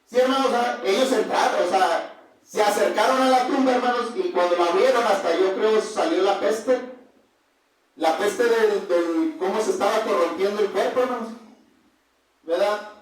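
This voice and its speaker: A man's voice: high voice, moderate pace. A male preacher giving a conversational sermon, who keeps asking the congregation questions and addressing them as brothers. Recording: very echoey room heard from a distance.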